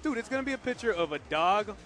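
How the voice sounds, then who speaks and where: A man's voice: high-pitched, lively intonation, fast, a bit bright, soft background music. A young man co-hosting a casual chat, joking and easygoing. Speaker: co-host.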